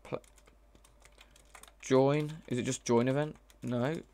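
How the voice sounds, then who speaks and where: Gravelly man coding and thinking aloud. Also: mid-range voice, fairly even intonation, slow, warm tone. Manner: thinks aloud, hesitant, self-correcting. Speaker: mod developer streaming live. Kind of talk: casual live coding commentary.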